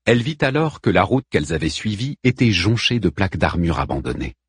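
A man reading an audiobook in a measured, dramatic narration. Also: sits low, big pitch swings, breathy edge, no echo.

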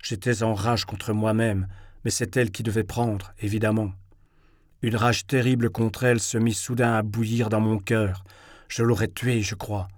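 A man narrating a literary novel in the first person, with a measured, expressive reading. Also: fairly low pitch, dry recording. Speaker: audiobook reader.

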